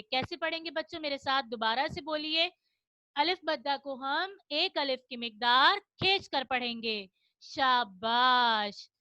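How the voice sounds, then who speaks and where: Female tajweed teacher, high bright voice, slow patient delivery, dry close sound. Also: dry recording, lo-fi sound. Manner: explains rules, then chants verses slowly for repetition. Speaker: Quran recitation teacher. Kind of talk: online children's tajweed lesson.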